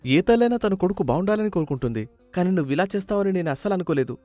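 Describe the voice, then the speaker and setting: A man's voice: high voice, lively intonation, very fast, dark tone, dry recording, faint music behind, pitched above the performer's own voice. A man voicing a melodramatic young son who weeps at the idea of marriage, with a whiny, tearful manner.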